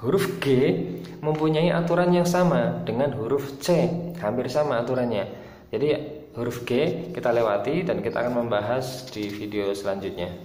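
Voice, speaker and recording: A man gives a patient language lesson, spelling each letter and word out slowly and deliberately. His mid-pitched voice rings through a room with a long, echoing reverb. A faint ambient hiss sits underneath. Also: darkish tone. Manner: slow, deliberate spelling-out of letters and example words. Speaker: Italian language teacher.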